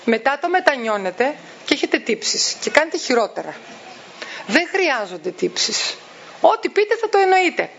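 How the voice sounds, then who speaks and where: A woman giving advice to parents. She talks in a lively way and acts out the voices of parents and children. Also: sits high, creaky, slight background noise. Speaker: parenting educator. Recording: dull, muffled sound.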